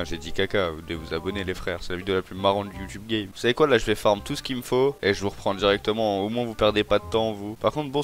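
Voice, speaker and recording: A young man giving casual let's play commentary, excitable, swearing and yelling at enemies. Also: lowish voice. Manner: excitable, swears, yells at enemies, addresses viewers as brothers. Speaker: gaming YouTuber.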